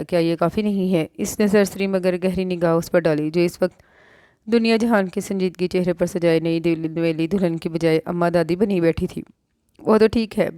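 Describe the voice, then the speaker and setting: A woman with a Pakistani Urdu accent narrates a romance novel in a lowish voice, reading every character herself. She raises her pitch when the characters speak. The recording is dry and close, with no room sound. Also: warm tone, clean tone, no room sound. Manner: reads all characters in her own voice, lifting pitch for dialogue.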